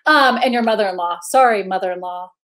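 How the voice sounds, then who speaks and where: A woman's voice: medium pitch, quick pace, a bit bright. A woman hosting a casual live-stream chat, bubbly and giggly, rambling with lots of fillers. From Indiana, US. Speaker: host.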